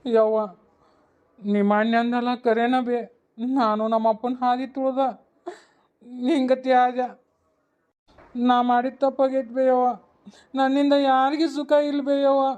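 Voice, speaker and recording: A woman's voice: high-pitched, little pitch movement, unhurried, long pauses, darkish tone, smooth. A woman voicing a remorseful young village husband in a cartoon, pleading in a mournful farewell with a North Karnataka Kannada accent. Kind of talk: cartoon voice acting. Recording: dull lo-fi recording.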